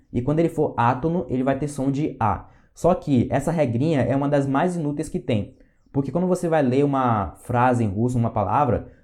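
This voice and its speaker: A man's voice: medium pitch, mellow. A Brazilian man teaching an online Russian lesson, patient and reassuring, checking in often with his students. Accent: Brazilian Portuguese.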